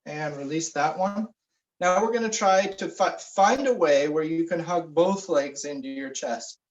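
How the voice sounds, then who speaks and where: A man leading a guided meditation and warm-up stretches, giving slow, relaxed instructions with frequent fillers. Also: a little high. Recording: roomy, distant, dull recording.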